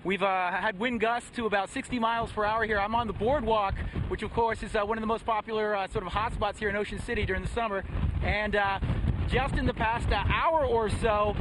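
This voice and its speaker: High-voiced male storm reporter in noisy wind. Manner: hesitant, halting delivery. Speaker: TV field reporter. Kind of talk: live storm report from outdoors. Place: outdoors on a seaside boardwalk in a hurricane. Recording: loud wind and surf noise. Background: wind and crashing waves.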